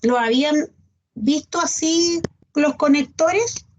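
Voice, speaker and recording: Speaking slowly in a high voice, a woman teaches a class over a video call, patiently running through examples and frequently checking on her students. The audio is dull and lo-fi.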